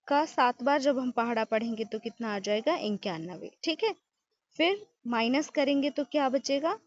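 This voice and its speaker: A high-pitched woman teaches maths. She poses each question and then answers it herself as she works through the division. The recording is dry and slightly dull, with no room sound. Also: darkish tone, no echo. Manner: asks students questions and answers them herself, repeats "ठीक है" often. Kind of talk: classroom lesson with step-by-step long division.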